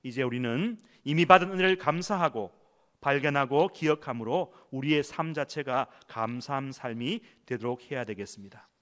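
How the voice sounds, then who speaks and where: A man's voice: medium pitch, moderate pace, fairly bright tone. A male pastor preaching a sermon in a church, emphatic and calling the congregation to read along with him. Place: church sanctuary.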